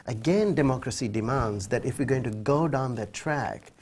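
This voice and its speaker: A man's voice: medium pitch, normal speed, darkish tone, a little hiss or hum. Emphatic man with a Fiji Indian accent. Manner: emphatic, articulate, formal vocabulary. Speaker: human rights official, interview guest. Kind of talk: impassioned TV interview answers. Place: TV studio. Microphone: lapel mic.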